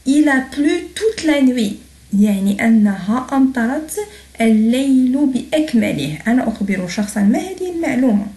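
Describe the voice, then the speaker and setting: A woman's voice: medium pitch, a little mellow. Echoey woman teaching French grammar. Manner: slow, careful reading of French examples, quicker explanations with fillers. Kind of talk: explaining grammar to learners.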